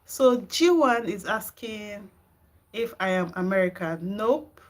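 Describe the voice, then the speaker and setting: A Nigerian woman hosts a gardening live stream from her home garden and kitchen, chatting casually with viewers and answering their comments. Her medium-pitched voice is expressive and slow.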